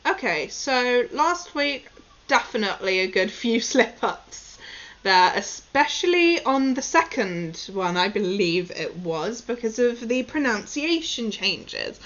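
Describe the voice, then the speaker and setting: A woman talks casually into a recording as she practises tongue twisters and articulation exercises, commenting on how each attempt went. Her voice is on the high side and fairly bright, with lively intonation and a slow pace. The recording sounds dull and lo-fi.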